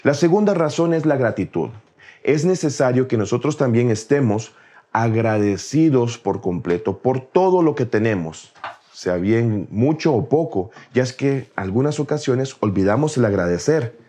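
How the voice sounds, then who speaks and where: Mellow-voiced man explaining faith. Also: medium pitch, animated, normal speed. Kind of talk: calm explanatory talk on faith.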